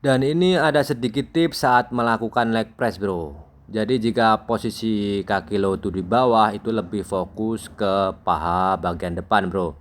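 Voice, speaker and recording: A man's voice: fairly low pitch, moderate pace. A young man narrating a casual gym vlog like a gym bro, addressing the listener as bro all the time. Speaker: fitness content creator.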